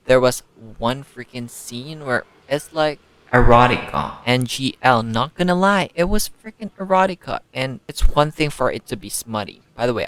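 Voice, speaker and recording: A young man giving a casual, excitable spoken book review, full of slang and rhetorical questions. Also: mid-range voice, clean tone, no echo. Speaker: book vlogger.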